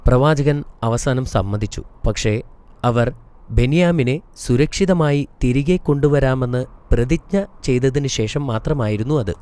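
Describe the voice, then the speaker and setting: A man narrating a scripted children's story in a steady storytelling manner. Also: medium pitch.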